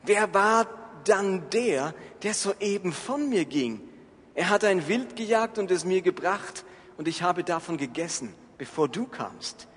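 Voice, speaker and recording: Man reading as an old dad, shaken and dismayed, bit high voice, echoey hall. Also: expressive, unhurried, husky, exaggerated voice. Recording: echoey hall, faint ambience.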